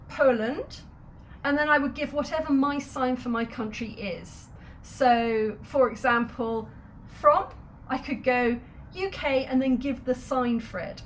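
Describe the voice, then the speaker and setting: A woman gives a patient, step-by-step sign language lesson, pausing to add small asides. Her pace is slow and deliberate. A faint hiss of noise sits under the recording. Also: high voice, fairly bright tone. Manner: patient, step-by-step explanations with light laughs. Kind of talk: instructional video lesson.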